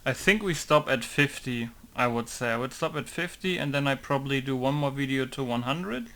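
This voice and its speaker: A game modder mutters to himself as he works, thinking aloud and repeating test words in casual commentary. His voice sits at medium pitch, fairly bright, at a normal speed.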